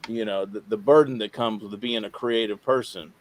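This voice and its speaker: A man talking casually as a podcast guest, halting and rambling as he repeats himself, with informal swearing. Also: lowish voice, steady tone. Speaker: podcast guest, radio show co-host. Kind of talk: casual interview talk.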